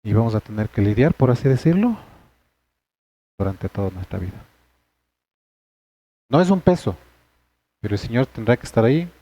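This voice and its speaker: A man leads a church men's group session, speaking to them directly in an earnest, conversational way. His voice is mellow and dark, and the recording sounds dull and lo-fi. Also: medium pitch, sing-song, moderate pace, pauses often. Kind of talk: church study session talk.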